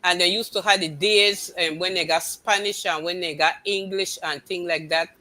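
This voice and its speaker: Older Belizean Creole-accented woman, very bright, forceful voice, insistent and repetitive in casual chat. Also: lowish voice, fairly even intonation, moderate pace. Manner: emphatic, insistent, repeats phrases.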